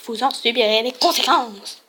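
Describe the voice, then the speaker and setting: A woman's voice: on the high side, normal speed, sharp tone, breathy edge, voice pushed down. A woman voicing a stern, haughty school principal from a game, commanding and curt.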